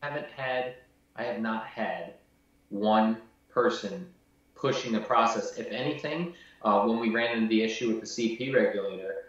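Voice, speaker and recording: A man with a somewhat low voice rambles casually as an interview guest. He sounds far from the mic in a very echoey space. The sound is muffled and dull. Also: moderate pace. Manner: rambling, casual, many fillers. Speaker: guest, gun builder.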